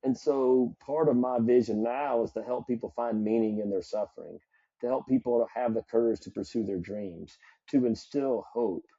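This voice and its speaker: A middle-aged Southern man from South Carolina talks earnestly about life as a psychology coach on a podcast. His voice is very dark and mellow, a little husky, in a dry, somewhat dull recording. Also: medium pitch, normal speed, no room sound. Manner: earnest, reflective, motivational. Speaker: psychologist and performance coach guest. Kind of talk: podcast interview.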